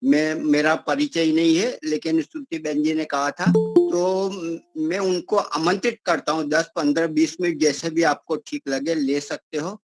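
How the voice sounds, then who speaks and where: Slow, hesitant man hosting a gathering. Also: on the high side, level tone, faint music behind, low-quality recording. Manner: hesitant, pausing with many fillers. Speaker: host of a spiritual gathering. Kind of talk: hosting and inviting speakers.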